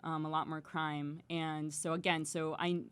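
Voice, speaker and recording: A woman from Israel, a stage actress, chatting in an animated, joking way in a casual interview. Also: deep voice, measured pace, clear, resonant tone.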